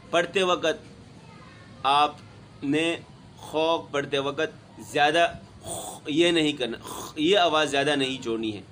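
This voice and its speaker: A man with a high, ringing voice gives a recitation lesson. He draws out verses in a slow, melodic chant, then drops lower and speeds up to explain how each letter should sound. Faint background noise sits behind him. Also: a bit bright. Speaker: Quran recitation teacher.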